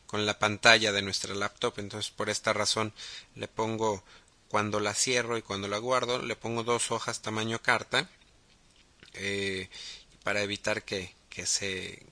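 Slow, bright-voiced Mexican podcast host. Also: male voice, fairly low pitch, level tone. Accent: Mexican Spanish. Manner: halting, many fillers and restarts. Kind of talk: casual podcast talk.

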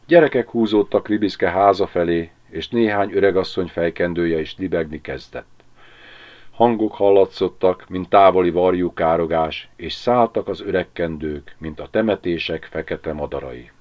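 A man narrating an audiobook in an expressive, measured storytelling manner. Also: deep voice, highs cut off. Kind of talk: audiobook reading.

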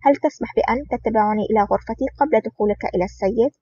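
A reader voicing a huge, gruff male bodyguard in an audiobook, in a cold, curt manner. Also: mid-range voice, very fast, warm tone, a little hiss or hum, natural voice. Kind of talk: audiobook reading. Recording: dull lo-fi recording.

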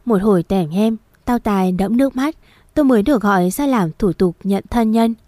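A woman reading a first-person story aloud in a steady, somber storytelling manner. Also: medium pitch, moderate pace, no room sound, studio quality. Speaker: narrator.

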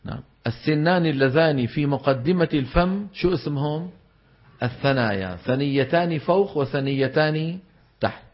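Man, Levantine Arabic accent, Quran recitation teacher, classroom lecture, stresses exact vowels, husky, dull lo-fi sound. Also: on the high side, animated, normal speed. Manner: asks the class questions and answers them himself.

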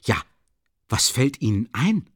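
Brief: a male reader playing a pompous, blustering middle-aged gent, lively voice, dry close sound. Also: mid-range voice, takes it slowly, breathy edge, no echo, exaggerated voice. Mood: defensive. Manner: defensive, stammering, blustering. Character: pompous middle-aged man, flustered and defensive.

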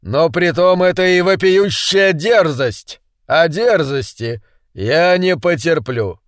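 A man's voice: a little high, animated, slow pace, dry recording, clean studio sound. A man voicing a stern, sarcastic male schoolteacher who talks in a sneering, commanding way.

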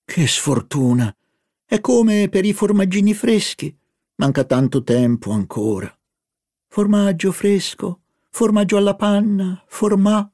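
A bubbly young woman with a raised, lilting voice, as a male reader puts her on. She coaxes and gushes in a dry, close-miked audiobook reading, drawing her words out slowly. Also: high-pitched, big pitch swings, darkish tone, dry recording, pitched above the performer's own voice, exaggerated voice. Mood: delighted. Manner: bubbly, coaxing. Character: playful young woman, greedy and eager. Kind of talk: audiobook character voice.

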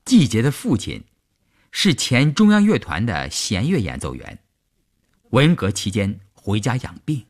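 A man narrating a long-form story for radio in an expressive storytelling voice. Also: fairly low pitch, unhurried.

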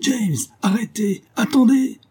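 A man's voice: very high-pitched, slow pace, warm tone, slightly rough, pitched above the performer's own voice, exaggerated voice. A man voicing a young woman, an actress, calling out and pleading, in an audiobook. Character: young actress crying out on horseback.

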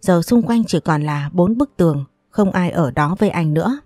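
Low-voiced woman reading a story. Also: animated, moderate pace, warm tone, no room sound, clean studio sound. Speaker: narrator. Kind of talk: storytelling audiobook narration.

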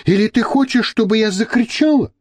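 A woman's voice: fairly quick, a little mellow, slightly rough, dry recording. Man putting on a coquettish young model, Miriam. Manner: coquettish, then shrill insults.

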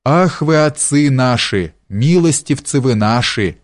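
A man's voice: medium pitch, a little slow, dry recording, clean studio sound, close to an everyday voice. A man voicing a tipsy, fawning old male village steward who gushes in a sing-song way. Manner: sing-song, gushing, servile.

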